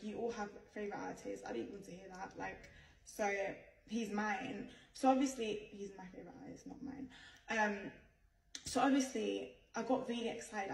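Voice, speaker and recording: A young woman speaks to camera in an echoey room, a little away from the mic. Her voice has a lot of creak. She gives a casual apology that turns defensive and emphatic, like someone explaining herself to followers. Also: mid-range voice, a little mellow. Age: young adult. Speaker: person telling her side of a viral story. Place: small bright indoor room. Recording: roomy echo, distant mic, faint noise.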